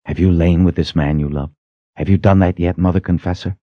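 A man with a low voice and steady tone voices a furious, commanding witch woman in an audiobook, speaking fairly quickly. Full of accusing menace, he delivers hissing threats and accusing rhetorical questions with cold menace. The recording is muffled, with no echo.

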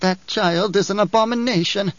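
A man's voice: high-pitched, normal speed, a bit bright, dry recording, voice pushed up. A man voicing a harsh, condemning old woman who serves as truth-sayer. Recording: dull lo-fi audio.

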